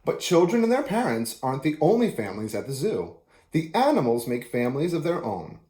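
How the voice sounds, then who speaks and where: Reading a children's picture book aloud, a man tells the story expressively and a little fast. His voice is fairly high, warm, and mellow, and a noticeable roomy echo fills the recording.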